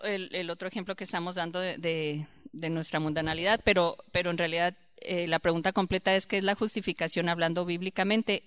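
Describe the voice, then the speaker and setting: A woman giving a church Bible teaching, lively and questioning her group, acting out quoted voices. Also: medium pitch, clear, resonant tone, dry recording, clean studio sound.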